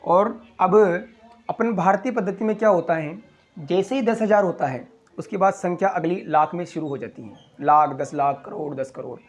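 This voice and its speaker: A man teaching a school maths lesson, walking through place values slowly, step by step. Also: high-pitched. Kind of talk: classroom explanation.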